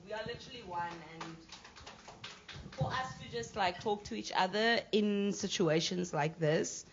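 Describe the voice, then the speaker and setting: Woman, thirties, lowish voice, candid, laughs after serious points, dull lo-fi sound. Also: husky. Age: 30s. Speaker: panel guest artist. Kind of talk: panel discussion answer.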